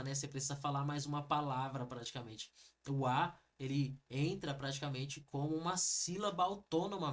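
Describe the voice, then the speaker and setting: A man with a Brazilian Portuguese accent teaching an online exam review lesson, explaining each answer step by step and talking straight to the viewers. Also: a little high. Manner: lively, explains step by step, addresses viewers as "gente".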